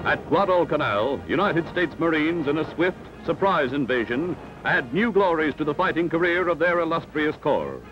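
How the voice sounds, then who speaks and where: The narrator of this 1940s newsreel has a fairly high, animated voice, moving at normal speed with hardly any pauses. His delivery is dramatic and emphatic, set against loud music on a dull, lo-fi old soundtrack.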